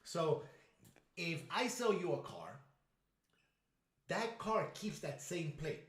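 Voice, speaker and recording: Casual podcast co-host, man from the US, slightly high voice, acts out quotes, echoey room. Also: takes it slowly. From United States. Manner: animated storyteller, acts out quotes. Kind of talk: casual chat. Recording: roomy echo.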